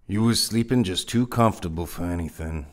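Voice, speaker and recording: Man voicing a laconic frontier man, low voice, terse folksy drawl, dry understatement, dramatic reading. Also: fairly quick, lightly acted.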